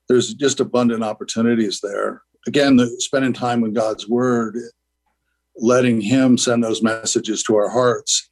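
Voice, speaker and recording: An older man with a mid-pitched voice talks as a radio guest. He is earnest and meandering, leaning on "you know" as he explains his faith and ideas. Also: a little mellow, poor audio. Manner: earnest, rambling, many "you know" fillers. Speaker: guest, school founder. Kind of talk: radio interview.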